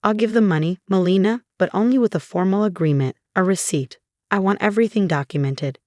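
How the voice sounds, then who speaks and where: A woman's voice: medium pitch, brisk, a little mellow, no echo, studio quality, lightly acted. A woman voicing a cautious father who lays down a firm condition in a story. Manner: firm, businesslike.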